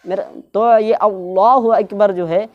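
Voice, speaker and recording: This woman, a religious teacher, has a medium-pitched voice with a steady tone, though the audio sounds dull. Explaining at length, she goes back over her points and draws out words so listeners hear how to pronounce them.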